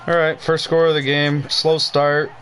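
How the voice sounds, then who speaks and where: A man's voice: fairly high pitch, little pitch movement, measured pace, fairly bright tone, slight background noise. A man giving casual commentary while playing a football video game, muttering play-by-play and cursing in frustration. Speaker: gaming video creator.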